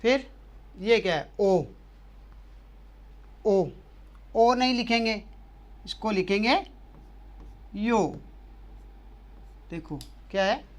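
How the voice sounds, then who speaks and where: Speaking very slowly and pausing often, a man in a high voice gives a language lesson on the letters of the German alphabet. He drills each one patiently, asking a question and then answering it over and over.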